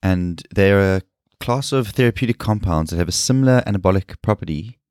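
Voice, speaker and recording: A man in his thirties, hosting a solo podcast, speaking with a scratchy and hoarse voice in an earnest, explanatory way. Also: sits low, expressive, darkish tone, no echo, clean studio sound. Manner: earnest, explanatory, with fillers and pauses. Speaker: podcast host and personal trainer.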